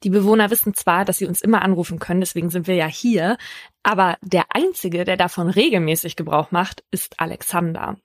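A woman who works as a care worker tells her own story in a calm, matter-of-fact first-person narration. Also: fairly low pitch, fairly quick, no room sound, studio quality. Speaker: care worker in a youth facility.

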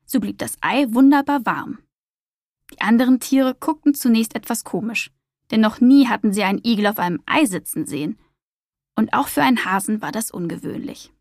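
A woman narrating a children's storybook in a calm, expressive reading voice. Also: a little high, moderate pace, no room sound, clean studio sound.

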